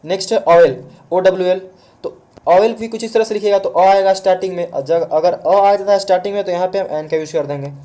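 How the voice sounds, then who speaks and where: A man's voice: high voice, quick pace, mellow. A male teacher giving a grammar lesson online, patiently explaining step by step and answering his own questions. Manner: mixes English words into Hindi.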